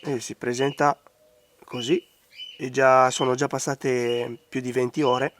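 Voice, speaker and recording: A man with a hoarse, congested voice giving out from a bad cold, talking casually through a hands-on craft tutorial. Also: mid-range voice, level tone, a little slow, slight background noise. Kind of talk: casual hands-on DIY commentary. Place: outdoors in a garden.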